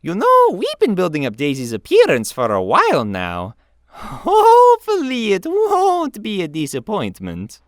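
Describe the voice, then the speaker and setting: A man voicing Mario, an excitable, earnest cartoon video game plumber, with an exclamatory singsong delivery. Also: high-pitched, a little slow, dry recording, clean studio sound, pitched above the performer's own voice, heavily acted. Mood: wry. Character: high-pitched excitable cartoon Mario, earnest older brother. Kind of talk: comedic video game parody voice-over.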